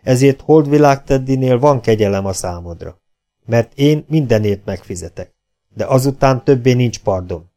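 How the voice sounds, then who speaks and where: A man voicing a calm, fearless outlaw leader with a musical baritone, who speaks quietly and with cold self-assurance. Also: close to an everyday voice. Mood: cold, assured.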